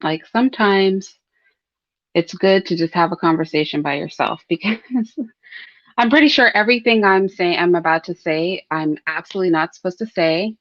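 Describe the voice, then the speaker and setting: Her pitch is fairly low and her pace normal as this livestream host gives informal, conversational opinion commentary on her own, addressing listeners directly with rhetorical tag questions and often clearing her throat. The audio is dry, close, dull and somewhat lo-fi.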